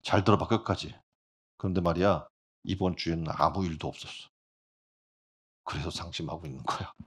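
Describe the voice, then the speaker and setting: A man voicing a glum grown man who mopes over his luck, in a flat, gloomy deadpan. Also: lowish voice, brisk, vocal fry.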